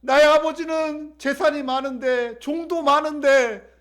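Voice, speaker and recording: A preacher acting a pleading runaway son. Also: male voice, extremely high pitch, unhurried, a bit bright. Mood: anxious, doubtful. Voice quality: pleading, then wavering and unsure. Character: young man, a repentant runaway son.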